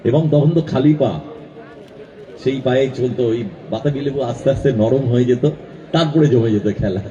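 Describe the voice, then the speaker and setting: A man's voice: mid-range voice, normal speed, warm tone. A man with a West Bengal Bengali accent giving live football commentary outdoors at a ground, with chatty asides. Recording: dull lo-fi outdoor PA, crowd behind.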